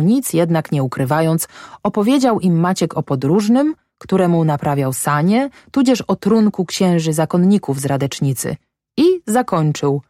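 Low-voiced woman narrating. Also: warm tone, dry recording, studio quality. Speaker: audiobook narrator. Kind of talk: scripted literary narration.

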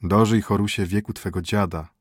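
A man's voice: lowish voice, steady tone, moderate pace, no echo, studio quality, close to an everyday voice. A man voicing a male royal chancellor who speaks in a formal, assuring way. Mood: solemn. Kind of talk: audiobook character voice.

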